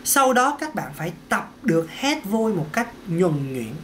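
A man's voice: high voice, big pitch swings, a little slow, a bit bright, slight background noise. A man giving a casual singing lesson, chatty, repeating words and dropping in little "ok"s. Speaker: singing teacher. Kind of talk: casual vocal lesson to camera.

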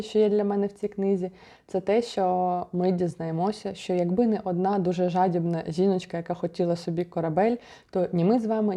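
A young woman reviews a book in a casual chat, rattling along at a fast pace. Her voice sits fairly low and sounds very dark and mellow. She is lively and rambling, with lots of fillers and self-corrections. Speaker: book vlogger.

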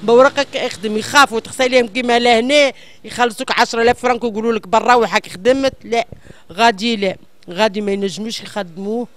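High-pitched, agitated older Tunisian woman. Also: quick pace. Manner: agitated, insistent, repeating phrases. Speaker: member of the public interviewed in the street. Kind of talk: emotional street interview, pleading and complaining. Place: outdoors on a city pavement. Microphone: handheld reporter microphone held close.

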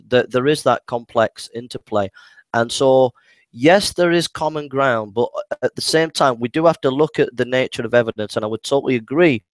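Man, mid-pitched, halting and repetitive, debating, dry close sound. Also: dry recording. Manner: hesitant, many restarts and repeated words. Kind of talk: casual debate.

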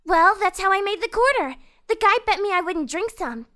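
Brief: woman doing a small boy, very high, bright and eager, fan audio drama. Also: lively intonation, a little fast, full character voice. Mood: sheepish. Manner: eager and chirpy.

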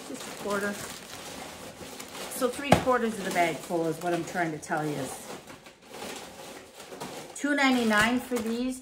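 A chatty Canadian woman with a fairly high voice vlogs a casual grocery haul in her home kitchen, reading prices aloud and thinking out loud. A fixed camera at the table records her, and the background is noisy.

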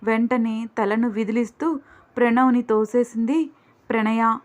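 A woman reading a romantic suspense story aloud in a steady, measured way. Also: fairly high pitch. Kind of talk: scripted story narration. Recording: dull lo-fi recording.

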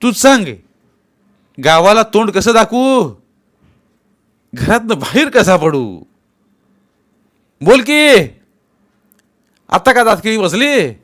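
A man's voice: high-pitched, big pitch swings, pitched above the performer's own voice, heavily acted. A man voicing a furious, self-pitying village headman who scolds his old mother in a storybook reading. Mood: furious scolding. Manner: shouting, scolding, rapid-fire questions.

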